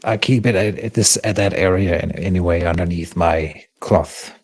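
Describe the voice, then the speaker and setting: A man's voice: sits low, normal speed, a little mellow, breathy edge. A man playing in a tabletop game, talking casually and hesitantly, repeating words as he thinks. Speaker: player.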